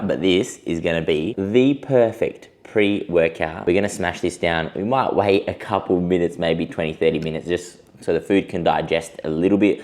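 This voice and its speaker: A man's voice: deep voice, a little mellow. A young man, an online fitness coach chatting upbeat and casual straight to his viewers in a day-in-the-life vlog.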